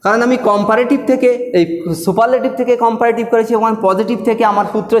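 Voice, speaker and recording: High-voiced Bengali man teaching grammar. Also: fairly even intonation, quick pace, echoey room, long reverb tail. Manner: explains step by step, repeats key words, checks understanding. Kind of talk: classroom lesson.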